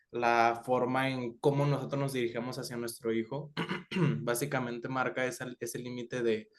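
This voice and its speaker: Man, panel psychologist, calm explainer, mid-range voice. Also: medium pitch. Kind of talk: conversational panel talk.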